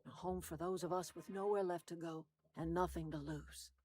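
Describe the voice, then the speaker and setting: An actress plays a grandmotherly older woman, a proud herbalist leading outcasts in a video game. Her voice is slightly low. She speaks with measured dignity and folksy turns of phrase. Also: steady tone, darkish tone, close to an everyday voice. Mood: solemn, proud.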